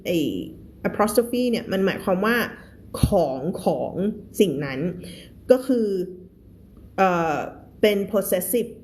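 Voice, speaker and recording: A woman teaching reading on a live stream. She is chatty and playful, laughs at herself, and reads sentences slowly, word by word. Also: mid-range voice, expressive, a little mellow, slight background noise.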